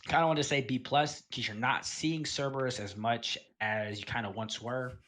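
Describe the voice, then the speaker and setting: A man casually talking through a game tier list, rambling and filling pauses with um and you know. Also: mid-range voice, fairly even intonation, a bit bright. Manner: laid-back, chuckles between points. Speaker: gaming video host.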